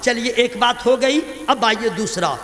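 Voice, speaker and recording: A man preaching a fiery sermon to a crowd, swinging from quiet talk to loud shouting and calling on the listeners to respond. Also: extremely high pitch, a little slow. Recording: long reverb from a big echoey venue.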